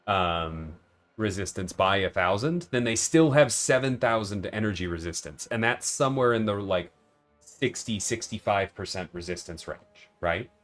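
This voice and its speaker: Livestreaming a game, a man with a lowish voice and fairly bright tone gives casual, detailed commentary at a moderate pace, his intonation lively. He keeps checking in by tagging points with "right?", and soft music plays behind him.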